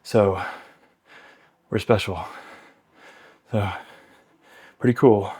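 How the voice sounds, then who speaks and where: A man's voice: on the low side, fairly even intonation, drawn-out words, darkish tone, slightly rough. A man in his thirties talking casually while riding an exercise bike at home, out of breath and chatting loosely between workout cues. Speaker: workout host. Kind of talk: casual coaching while cycling.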